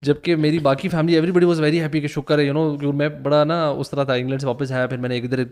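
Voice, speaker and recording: A man's voice: a little high, flat delivery, a little mellow. A middle-aged man casually telling his own story, mixing English phrases into his Urdu and laughing along the way. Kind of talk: casual chat.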